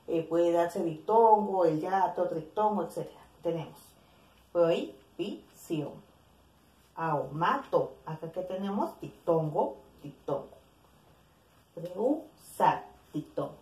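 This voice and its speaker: Woman teacher, lowish voice, methodical explainer with tag questions, recorded in a roomy echo. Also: dark tone. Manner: explains slowly, listing examples with frequent "¿no?" checks. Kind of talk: recorded language lesson.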